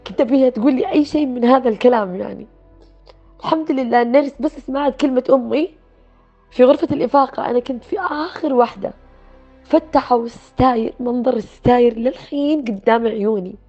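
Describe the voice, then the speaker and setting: Soft-spoken woman telling her story. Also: on the high side. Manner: soft, reflective, with pauses and restarts. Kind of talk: personal storytelling. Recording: dull lo-fi sound with faint music.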